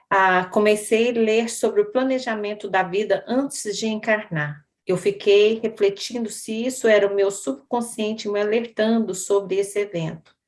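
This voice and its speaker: Brazilian woman moderating online study. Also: mid-range voice. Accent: Brazilian Portuguese. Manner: friendly, reads questions aloud slowly. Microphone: video call.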